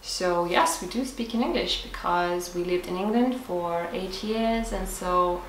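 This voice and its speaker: Talking casually to camera, this woman health vlogger takes her viewers' questions in a fairly low voice, a little slow. Thoughtful, she reasons aloud and works through things step by step, restarting now and then. She's far from the mic, in an echoey room with a faint hiss behind her.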